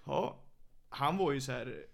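A man's voice: medium pitch, gravelly. A man who coaches MMA fighters, chatting casually on a podcast and telling stories by acting out what others said. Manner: animated storyteller, quoting others.

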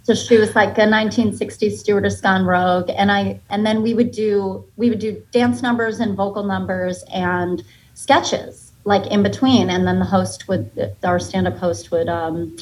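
Her medium-pitched voice moves at normal speed with fairly even intonation and hardly any pauses, recorded at low quality. She's an American comedian in her thirties, from Massachusetts and Florida, guesting on a podcast. The interview finds her casual, candid, chatty and playfully joking.

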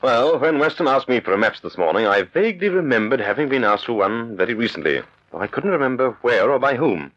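An actor playing a calm, self-assured gentleman detective in an old radio drama, speaking in a measured way. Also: mid-range voice, muffled recording. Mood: calm explaining. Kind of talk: vintage radio drama acting.

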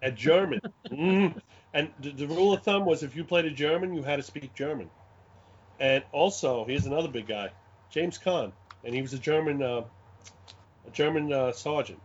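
A man with a Brooklyn accent chatting casually in an animated, rambling way, often repeating his phrases. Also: fairly high pitch, moderate pace, slightly rough. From Brooklyn, New York. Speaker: guest, game scenario designer. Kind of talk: casual chat, anecdotes. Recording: dull lo-fi audio.

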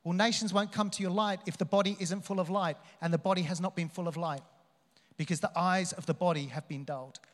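Man, preacher, somewhat high pitch, emphatic motivational exhortation, repeated phrases, charismatic sermon, long hall reverb. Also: steady tone, a little fast. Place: large reverberant room, speaking live to a congregation.

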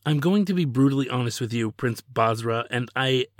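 A man's voice: medium pitch, normal speed, no room sound, studio quality, close to an everyday voice. A man voicing a proud young woman who coolly turns down a suitor, curt and disdainful.

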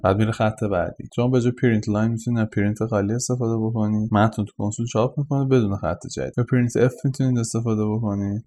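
A man's voice: on the low side, dark tone, slight background noise. A young man giving a casual programming lesson, talking in a loose conversational way with frequent fillers. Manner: conversational, self-deprecating, uses many fillers like "for example". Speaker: programming teacher.

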